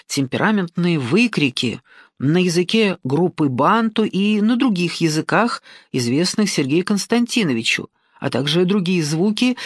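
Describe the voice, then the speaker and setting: A woman reading an audiobook in steady scripted narration, with even pacing and wry asides. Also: medium pitch, no echo, studio quality.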